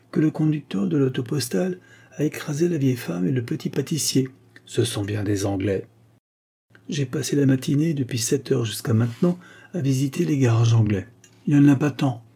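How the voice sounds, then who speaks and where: Guy doing a calm american detective laying out clues, gravelly husky voice. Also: mid-range voice. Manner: matter-of-fact reporting. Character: methodical American detective partner, man.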